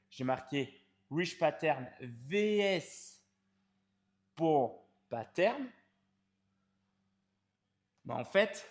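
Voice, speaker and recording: A man, a fitness coach explaining training to the viewer in an informal, emphatic way, stretching key words. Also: on the high side.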